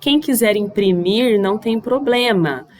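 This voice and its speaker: A woman teacher with a Brazilian Portuguese accent, recording a slide lesson for schoolchildren and often checking that they follow. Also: mid-range voice. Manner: slow, patient, with frequent checking questions.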